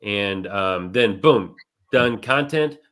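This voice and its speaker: A man's voice: on the low side, lively intonation, slow pace, a bit bright, a little hiss or hum. A man co-hosting a casual talk show, explaining things step by step in a conversational way. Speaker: co-host. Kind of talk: casual chat.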